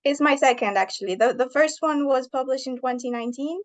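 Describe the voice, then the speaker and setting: A woman's voice: high voice, a little fast. A woman in her thirties, originally from Iran, an author answering interview questions thoughtfully and earnestly.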